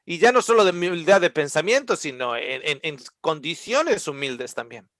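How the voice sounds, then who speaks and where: Male preacher, high voice, fervent and dynamic, close dry mic. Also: lively intonation, moderate pace, dry recording. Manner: impassioned, swings between loud and hushed. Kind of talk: sermon.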